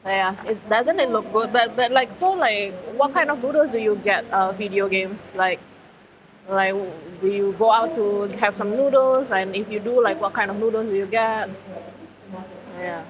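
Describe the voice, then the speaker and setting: A woman's voice: mid-range voice, moderate pace, crowd noise. A woman live-streaming while eating at a food centre, chatting casually with her viewers and using lots of fillers. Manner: chatty, filler-heavy, talks to chat. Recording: slightly dull audio, faint background noise.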